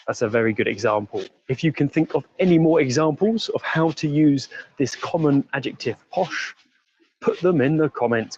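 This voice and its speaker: An English man teaches while he walks outdoors through busy streets, sharing a live stream and reading out viewer comments. His voice sits at a middle pitch and stays friendly as he slowly explains words. The stream sounds a little muffled and lo-fi. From England. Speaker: English teacher giving a live walking tour. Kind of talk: live-streamed walking tour lesson.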